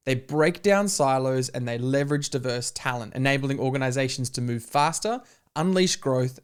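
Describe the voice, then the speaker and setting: A man hosting a podcast interview, talking eagerly and quickly with some fillers. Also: mid-range voice. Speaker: podcast host. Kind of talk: casual interview.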